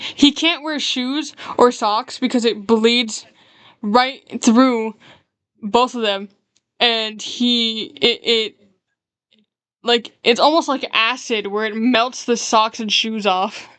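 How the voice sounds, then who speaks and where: A woman's voice: fairly high pitch, fairly bright tone, clear, resonant tone, no room sound. A woman streamer chatting casually while drawing, rambling as she explains her characters. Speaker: streamer and artist.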